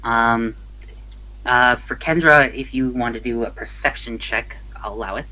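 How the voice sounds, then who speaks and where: Acting as game master, a man narrates a tabletop game in a bright, forceful, mid-range voice. He's casual and halting with a giggly streak, and the sound is lo-fi.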